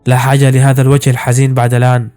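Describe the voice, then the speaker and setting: A loyal young swordsman, gruff and protective, delivered quickly and in a mid-range register, as a male narrator puts him on. He talks bluntly to the friend he guards, in an anime story recap. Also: medium pitch, a little mellow, soft background music, natural voice. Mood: dying, pleading. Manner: blunt and brotherly.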